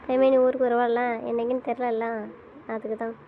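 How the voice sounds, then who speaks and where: A woman's voice: fairly high pitch, level tone, brisk, a little hiss or hum. A woman chatting on a family phone call as a younger sister, explaining plans and answering her brother back. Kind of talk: casual family phone chat.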